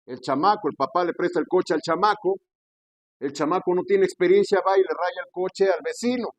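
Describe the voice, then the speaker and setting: A man's voice: dry recording, low-quality recording. A male pastor preaching a sermon, asking rhetorical questions, adding "¿verdad?" after phrases and calling his listeners brother. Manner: slows and rises in pitch on key scripture phrases.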